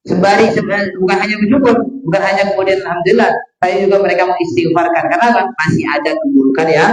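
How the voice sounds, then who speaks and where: A man giving a religious study lecture. He explains patiently and repetitively, often adding "ya", and quotes Arabic before translating it. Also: high-pitched. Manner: repetitive explaining with frequent "ya" fillers, quoting Arabic then translating. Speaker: religious teacher. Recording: roomy echo.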